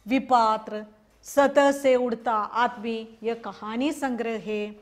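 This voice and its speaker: A woman teacher giving a recorded Hindi class, explaining a story slowly and asking and answering her own questions. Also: fairly high pitch. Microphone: recorded for an online class video.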